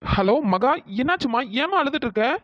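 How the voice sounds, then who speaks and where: A woman's voice: high-pitched, sing-song, normal speed, fairly bright tone, no room sound, muffled recording. A woman doing a worried cartoon big-brother friend. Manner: anxious and comforting. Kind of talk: cartoon storytelling dialogue.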